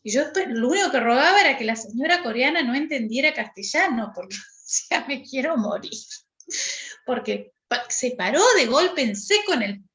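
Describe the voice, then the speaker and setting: A woman's voice: high-pitched, expressive, brisk, fairly bright tone, roomy sound, low-quality recording. A middle-aged woman with a Rioplatense Spanish accent teaching a workshop class, explaining step by step and checking in with "¿sí?" again and again. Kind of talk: online class lecture.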